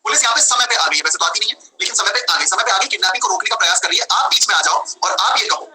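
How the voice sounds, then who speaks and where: A young man teaching law in a live online class, lively, switching between Hindi and English and acting out his examples. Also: sits high, rapid-fire, rough recording.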